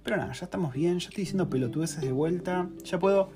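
A man in his thirties with a Rioplatense Spanish accent, a podcast co-host and course creator, tells a story casually with slang and self-mockery. His voice is high and fast, heard over music.

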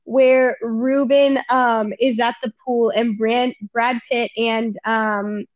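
A woman's voice: a little high, takes it slowly, dry recording, dull audio. A young woman co-hosting a podcast in casual chat, laughing often and acting out lines she quotes. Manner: giggly, animated, acts out quotes. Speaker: podcast co-host.

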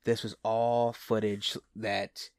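Male host, low-ish voice, eager fan energy, casual review, dry sound. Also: little pitch movement, takes it slowly, dry recording. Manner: enthusiastic, gushing fan talk. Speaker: host of a movie review show.

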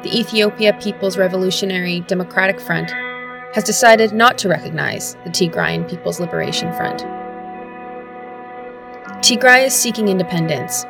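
Woman narrating over guitar music. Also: medium pitch. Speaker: host narrator. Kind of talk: scripted narration.

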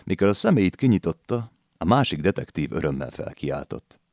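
A man narrating a literary novel in a measured storytelling reading. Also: deep voice, big pitch swings, a little mellow, no room sound, studio quality.

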